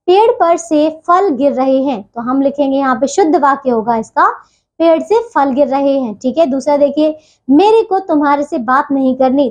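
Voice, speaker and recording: High-voiced woman teaching children. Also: darkish tone, dull audio. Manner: keeps asking "ok, children?"; slow, careful word-by-word dictation. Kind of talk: grammar lesson for children.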